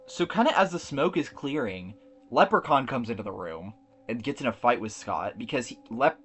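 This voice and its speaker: A man's voice: medium pitch, very animated, normal speed, fairly bright tone, slightly rough, soft background music. A man co-hosting a podcast, casually recapping a movie plot with lots of fillers and restarts. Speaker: podcast co-host.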